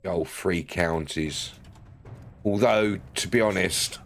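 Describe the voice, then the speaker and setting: A man's voice: low voice, takes it slowly, gravelly, fairly bright tone. A man from the London area, streaming a game and joking with viewers, laughing often. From London area, England. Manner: jokey, laughs often, trying out regional accents for chat. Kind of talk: casual gameplay commentary, chatting with viewers. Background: faint game music.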